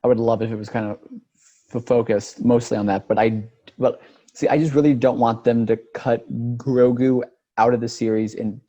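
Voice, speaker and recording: A man co-hosting a casual podcast, rambling with many restarts and quick laughs. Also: medium pitch, fairly even intonation, mellow, lo-fi sound. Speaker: podcast co-host. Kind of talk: casual chat.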